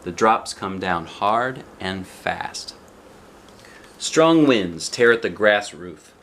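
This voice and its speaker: A man with a lowish, fairly bright voice reads a children's picture book slowly and expressively. He often stops for chatty asides and questions aimed at the young listener.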